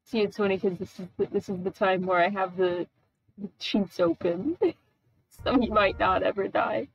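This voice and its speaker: A woman streaming a video game, chatting casually, laughing often and yelling at enemies. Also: mid-range voice, normal speed, vocal fry, breathy edge, no echo, muffled recording. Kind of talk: casual gameplay chat.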